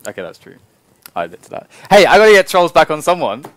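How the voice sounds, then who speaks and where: Quick-talking esports host. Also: male voice, fairly high pitch, very animated, a bit bright. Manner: playful, quick banter. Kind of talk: live esports commentary.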